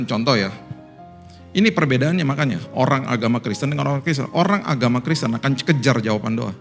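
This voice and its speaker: A male pastor from Indonesia preaching a sermon, jumping between low and high tones and acting out the voices of the people he quotes. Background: faint music.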